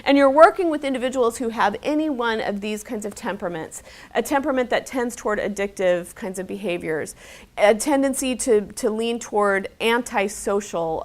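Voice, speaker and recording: A woman speaking as a lecturer in an informal, conversational and explanatory way, with emphasis on her points. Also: medium pitch. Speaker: speaker on mental health and digital habits.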